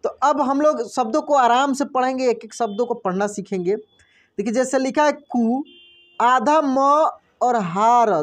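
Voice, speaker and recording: A male teacher works through a reading lesson at a patient, unhurried pace. He sounds out each word slowly, repeats it, and stops often to ask what was just written. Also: extremely high pitch. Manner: spells out words slowly, repeats them, quizzes the listener. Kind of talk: classroom-style reading lesson.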